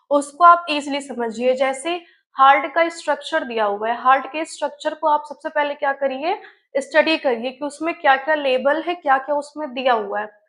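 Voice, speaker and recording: A woman's voice: high-pitched, fairly bright tone. A woman biology teacher giving an online study-tips lesson, who explains step by step and keeps asking and answering her own questions, with terms.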